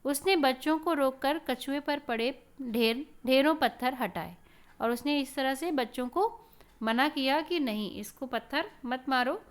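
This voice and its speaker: A woman tells a story for children in a smooth, clear voice set a little high. She talks like a teacher, pausing to explain words and to point the listener to the pictures. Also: lively intonation.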